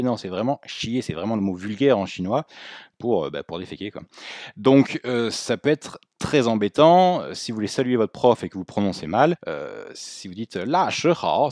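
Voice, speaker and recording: A man with a fairly low voice gives a spoken language lesson. He explains patiently and models each sound for learners to repeat. The recording is dry and close. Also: a little mellow, no room sound. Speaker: Mandarin teacher.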